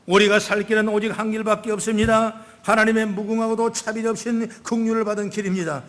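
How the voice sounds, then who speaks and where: An older man preaches a sermon, his voice pitched high for a man. He moves between loud, emphatic calls and soft, low asides. The sound rings with the long reverb of a church hall. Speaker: pastor. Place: church sanctuary.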